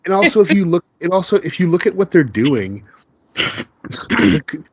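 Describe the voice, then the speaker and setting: A man's voice: high-pitched, sing-song, a little slow, husky, no room sound, highs cut off. A man co-hosting a podcast in casual chat, eagerly quoting movie lines and repeating his words as he gets going. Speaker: podcast co-host.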